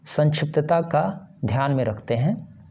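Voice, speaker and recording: A man teaching a lesson, explaining points one by one in a slow, deliberate way with pauses and fillers. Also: a little high, expressive, dark tone, highs cut off. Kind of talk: explanatory lecture.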